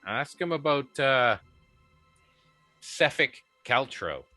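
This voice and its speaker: A man playing a tabletop game, speaking haltingly with many fillers. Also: medium pitch, animated, bright, forceful tone, faint music behind. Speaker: player. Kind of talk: tabletop role-play banter.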